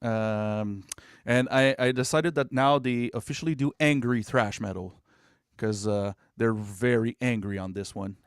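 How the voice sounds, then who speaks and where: A man's voice: mid-range voice, measured pace, clear, resonant tone, no echo, studio quality. A man co-hosting a podcast, chatting casually and ramblingly about metal albums, with swearing and frequent laughs. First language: French. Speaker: podcast co-host.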